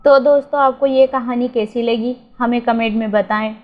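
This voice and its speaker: A woman's voice: a little high, steady tone, normal speed, soft background music. Woman narrating an emotional story. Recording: slightly dull lo-fi recording.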